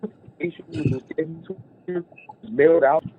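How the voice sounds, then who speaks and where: A man's voice: fairly high pitch, normal speed, breathy edge. A man calling as a sheriff's sergeant over a choppy phone line that keeps breaking up and cutting out his words, speaking formally. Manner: formal, repeats "sir" and stock phrases. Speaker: caller posing as a sheriff's sergeant. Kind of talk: phone call.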